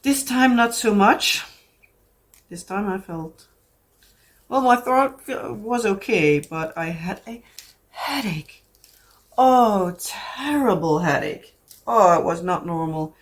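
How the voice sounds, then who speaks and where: In a mid-range, expressive voice, this Dutch craft vlogger from the Netherlands speaks slowly, leaving long pauses. Her casual to-camera chat rambles, with many fillers and restarts.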